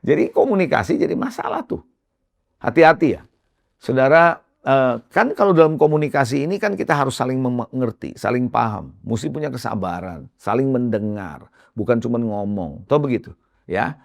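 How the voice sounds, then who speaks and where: Male pastor, gravelly, lively pitch, chatty sermon delivery with direct address to the congregation. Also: normal speed, no room sound, clean studio sound. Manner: conversational preaching, addresses listeners as saudara; lively pitch swings for emphasis.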